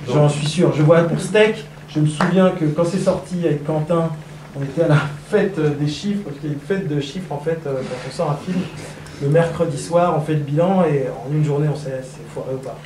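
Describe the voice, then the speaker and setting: A man's voice: a little high, brisk. A man speaking as a guest filmmaker at a film club Q&A, chatting casually, rambling and self-mocking with lots of hesitations. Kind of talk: casual onstage Q&A talk. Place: cinema hall at a live screening event. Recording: echoey hall, distant mic, audience noise.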